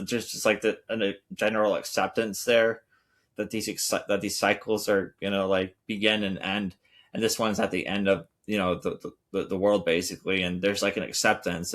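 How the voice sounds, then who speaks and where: A man with a fairly low voice explains his own writing on a casual podcast. He talks hesitantly, full of fillers and restarts, as he feels his way toward his point. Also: fairly bright tone. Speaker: poet and co-host. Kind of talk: casual poetry discussion.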